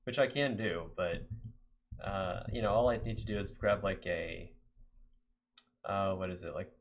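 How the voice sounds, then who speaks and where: A young Texan man with a low voice speaks a little slowly. He's a game developer streaming live, chatting casually with viewers as he codes and rambling with plenty of fillers.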